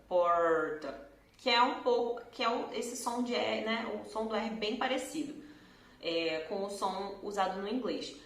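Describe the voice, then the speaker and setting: A woman teacher from Brazil with a Carioca accent, explaining pronunciation slowly and clearly and drawing out example words. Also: mid-range voice, a bit bright. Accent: Carioca Brazilian Portuguese. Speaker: Portuguese teacher. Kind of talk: pronunciation lesson to camera. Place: room at home, in front of a door. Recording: echoey room.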